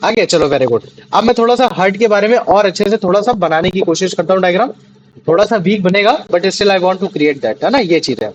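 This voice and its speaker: High-voiced young male teacher quizzing a class. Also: lively intonation, brisk, rough recording. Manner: repeats questions to check understanding. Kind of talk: classroom lesson. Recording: faint background noise.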